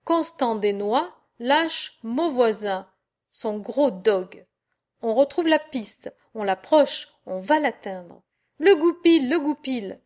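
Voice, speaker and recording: A woman narrating a medieval fable as an audiobook, reading slowly and expressively. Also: a little high, lively intonation. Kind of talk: storybook narration.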